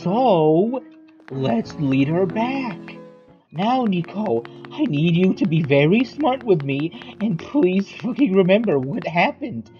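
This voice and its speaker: A man's voice: high voice, very animated, takes it slowly, muffled recording, soft background music. A man doing profane gaming commentary, crude and exasperated, mock-aggressive. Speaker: gameplay commentator.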